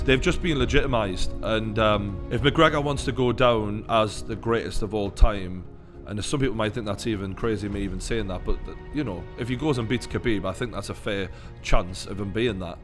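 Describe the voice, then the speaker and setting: A man with a Newcastle Geordie accent giving opinionated reaction commentary in a blunt, sweary way. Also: lowish voice. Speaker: YouTube fight commentator.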